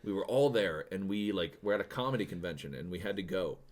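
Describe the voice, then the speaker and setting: Lower-voiced man rambling through a story. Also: lively intonation, quick pace. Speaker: podcast co-host. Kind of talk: casual podcast banter.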